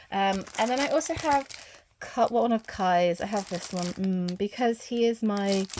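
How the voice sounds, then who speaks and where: A woman's voice: medium pitch, a little mellow, slight background noise. A woman vlogger chatting casually to camera, rambling, with lots of ums and self-corrections. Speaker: vlogger showing her album collection.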